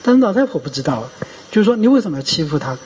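Husky, animated male monk preaching. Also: high voice, very fast. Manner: storytelling, animated, rhetorical questions. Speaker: Buddhist monk teaching. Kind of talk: sermon. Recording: dull lo-fi recording.

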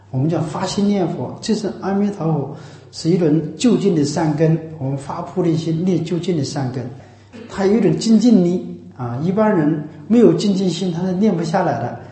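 A man's voice: on the high side, mellow. A man teaching Buddhist chanting in a patient, explanatory spoken talk. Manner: patient, explanatory, slow, breaks into chanting demonstrations. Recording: echoey room.

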